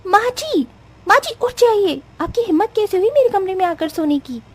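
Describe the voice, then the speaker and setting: A woman's voice: very high-pitched, animated, normal speed, darkish tone, voice pushed up. A woman voicing a spoiled, selfish rich young bride in a cartoon story, talking in a demanding, scolding way. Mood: furious.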